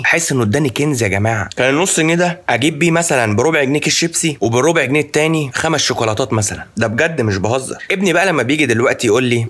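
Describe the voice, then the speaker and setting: A man's voice: medium pitch, a bit bright. An Egyptian man telling comic stories straight to viewers, chatting animatedly and snacking between lines. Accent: Egyptian Arabic. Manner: snacks on grapes while talking. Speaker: comedian. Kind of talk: comic storytelling monologue.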